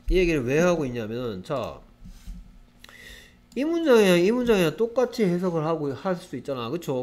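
Lively male English grammar teacher. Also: a little high. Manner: lively, checks in with frequent rhetorical questions. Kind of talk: grammar lecture to students.

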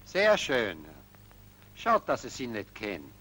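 A baffled official, stammering and exclaiming over every surprise. His husky, bright voice swings widely in pitch, in an old film soundtrack from the 1940s. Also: wildly swooping pitch, slow pace, heavily acted. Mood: hesitant. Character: bewildered, fussy male official.

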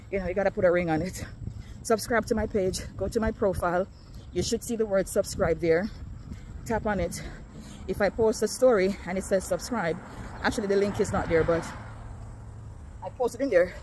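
A woman's voice: mid-range voice, darkish tone, slight background noise. Chatty woman walking outdoors. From Jamaica. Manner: chatty, talking to viewers while walking. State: slightly out of breath. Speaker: vlogger. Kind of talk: casual walking vlog. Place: outdoors on a neighborhood street.

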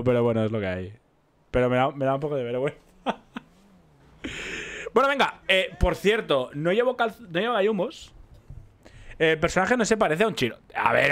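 A young man with an accent from Spain, rambling and joking with viewers in casual gameplay commentary. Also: a little high. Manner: rambling, self-mocking, chatty with viewers. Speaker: roleplay streamer.

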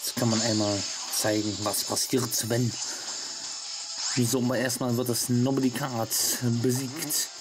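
A man giving casual video game commentary and reading on-screen text aloud as he plays. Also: mid-range voice. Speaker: let's-play gamer.

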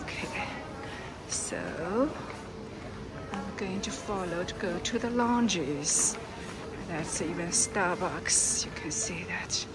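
Slow-talking woman on an airport walk. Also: on the low side, loud music behind the voice, low-quality recording. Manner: slow, halting, simple phrasing. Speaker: travel vlogger. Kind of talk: casual walking-tour narration. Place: large indoor airport terminal. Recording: busy terminal noise behind.

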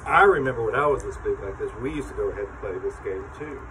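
An older man with grandchildren leading a lively children's sermon outdoors, talking straight to the kids as he tells a story. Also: fairly low pitch, fast talker. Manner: animated storytelling, talks to children. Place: outdoor covered chapel area. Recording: distant mic with traffic noise outdoors.

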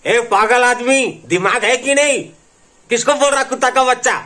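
A man's voice: very high voice, normal speed, pushed and bright. A man with a Bundeli accent playing a cheeky son who talks back and trades insults in a comedy sketch. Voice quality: cheeky, argumentative back-talk. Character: cheeky mouthy young son.

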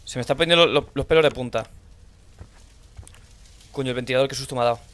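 A young man with a Spanish accent from Spain, playing a horror game and thinking aloud in low mutters, now and then shouting out. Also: fast talker. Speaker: gaming streamer. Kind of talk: horror let's play commentary.

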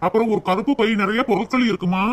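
A man's voice: high-pitched, fast talker. A man voicing a grown village son back from work abroad, homesick and fond of his family. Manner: warm, homesick.

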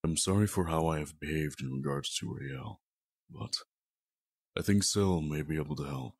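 A man voicing Khan, a remorseful, earnest brother in an audio drama, with a husky voice. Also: normal speed, a little mellow, dry recording, clean studio sound, heavily acted. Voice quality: deep gravelly husky voice.

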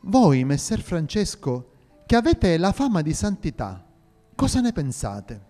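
A man voicing a calm, commanding medieval emperor in a measured, regal tone. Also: a little high. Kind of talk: audio drama reading. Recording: reverberant hall with faint music.

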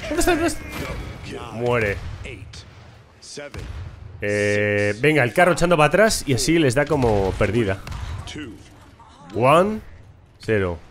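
Excitable gamer, shouting and lively. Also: male voice, mid-range voice, takes it slowly, long pauses, crowd noise. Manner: shouty, excitable, swears and laughs at himself. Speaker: gameplay streamer. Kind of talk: excited live gameplay commentary.

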